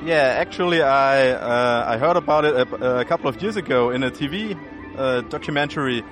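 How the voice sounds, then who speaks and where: A man's voice: mid-range voice, moderate pace. A man from Bavaria with a German accent, being interviewed as a festival visitor. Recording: music behind, outdoor location.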